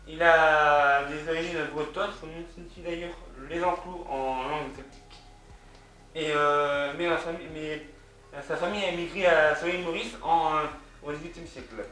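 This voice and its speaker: A man with a French accent talks through his notes in a lecture, stumbling often and restarting his sentences. His voice sits a little high and sounds distant from the mic. The room is very echoey. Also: steady tone, moderate pace, pushed and bright. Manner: many hesitations and restarts, reads out web addresses. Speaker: culture video host. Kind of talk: hesitant spoken lecture from notes.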